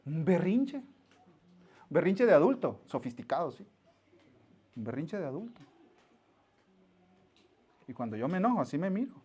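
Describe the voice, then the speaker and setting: A middle-aged man, preaching a sermon as pastor, telling stories with acted-out voices and sudden quiet, intimate asides. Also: fairly high pitch, moderate pace, long pauses, slightly rough. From Mexico. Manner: animated storyteller, acts out voices, drops to near-whisper for emphasis.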